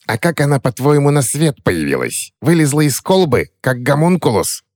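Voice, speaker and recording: A man's voice: medium pitch, sing-song, normal speed, no echo, studio quality, pitched above the performer's own voice. Man putting on a spiteful snapping old crone. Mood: scornful. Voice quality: sharp, snapping, mocking. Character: spiteful threatening old woman, suspicious and cranky.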